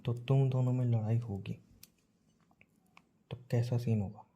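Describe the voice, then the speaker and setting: A man's voice: mid-range voice, steady tone, unhurried, warm tone. A young man teasing his girlfriend in a casual phone chat. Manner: playful teasing, acts out others in quotes. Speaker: boyfriend on a phone call.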